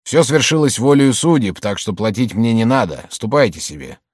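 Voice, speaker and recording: A man voicing a grumpy old male fortune-teller in an audiobook, speaking gruffly and curtly. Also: mid-range voice, big pitch swings, moderate pace, dry recording, studio quality. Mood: grumbling. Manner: gruff, curt, grumbling. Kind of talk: audiobook character reading.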